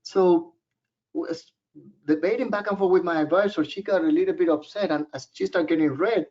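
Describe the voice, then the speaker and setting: A Puerto Rican man with a Puerto Rican Spanish accent gives a webinar presentation, telling personal stories in a joking way. His voice sits high and has a darkish tone at a moderate pace, and the webinar audio is muffled and lo-fi.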